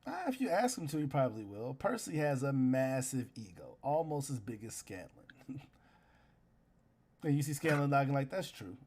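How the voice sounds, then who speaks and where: Casual male game master, medium pitch. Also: big pitch swings, normal speed, a little mellow. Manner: casual, slangy. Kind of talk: improvised tabletop game narration.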